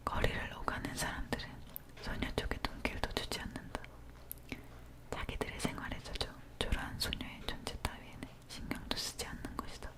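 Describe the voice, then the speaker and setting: In a slightly fast, breathy ASMR whisper, a woman reads a dark story with her mouth close to the ear microphone.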